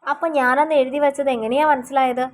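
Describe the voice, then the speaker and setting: A woman's voice: high-pitched, steady tone, fast, natural voice. A woman voicing a shy, tearful young girl. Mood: earnest.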